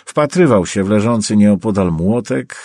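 A man narrating an audiobook with tense, measured storytelling. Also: on the low side, lively intonation, mellow, no echo, studio quality.

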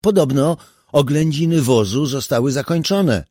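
A man's voice: a little high, expressive, normal speed, mellow, no echo, studio quality, voice pushed up. A man voicing a young, nervous male policeman in an audiobook, hurrying and stammering through explanations. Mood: flustered. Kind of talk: audiobook character voice.

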